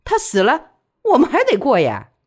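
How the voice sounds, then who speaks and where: A woman's voice: sits high, wildly swooping pitch, normal speed, voice pushed up, full character voice. A woman voicing a defiant, newly widowed woman who speaks sharply and bitterly.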